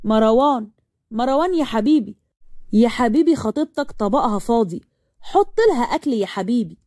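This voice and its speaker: A woman's voice: on the high side, expressive, fairly quick, darkish tone, no room sound, studio quality, lightly acted. A woman voicing a coaxing, affectionate middle-aged mother with an Egyptian accent.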